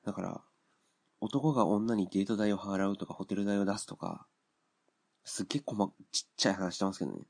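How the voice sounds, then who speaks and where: A man talks alone into his podcast mic, airing blunt opinions in an unhurried, filler-laden way. His voice sits low and carries a gravelly fry. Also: steady tone, darkish tone. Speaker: podcast host. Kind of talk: casual solo podcast monologue.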